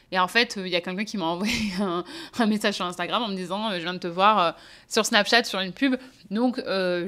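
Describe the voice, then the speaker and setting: A young French woman vlogs to camera in a casual chat, hesitating a lot and laughing frequently. Her voice is medium in pitch and a little bright.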